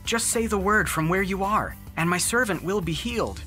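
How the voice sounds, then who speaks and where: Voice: mid-range voice, animated, moderate pace, sharp tone. A narrator of a children's Bible story voicing a respectful army officer asking for help. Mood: earnest. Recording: music underneath.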